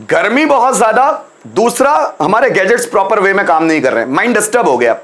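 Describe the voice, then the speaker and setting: A young man with a Hindi accent teaching English in a live online class, coaxing students and repeating examples slowly. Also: sits high, big pitch swings, fairly bright tone.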